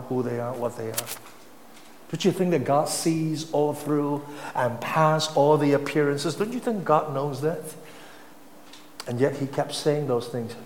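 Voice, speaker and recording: A man preaching a sermon, emphatic, swinging between loud and soft phrases. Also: mid-range voice, a little hiss or hum. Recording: echoey hall, faint ambience.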